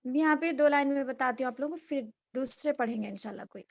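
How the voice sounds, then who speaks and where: A woman's voice: sits high, creaky. A woman teaching a reading lesson, patiently modeling and correcting each letter sound.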